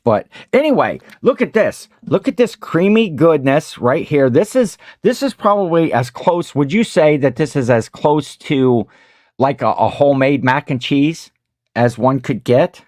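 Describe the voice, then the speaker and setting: A man's voice: a little high, expressive, a little slow, a little mellow, dry recording, studio quality. A man with a Midwestern American accent hosting a casual livestream, rambling while he eats and greets viewers in the chat. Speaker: host of a reseller livestream.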